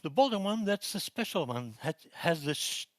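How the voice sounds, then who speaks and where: Presenting at a technical conference, this Belgian man in his forties talks at normal speed in a relaxed manner, full of fillers and restarts. His voice runs somewhat high for a man, and the sound is dry without echo.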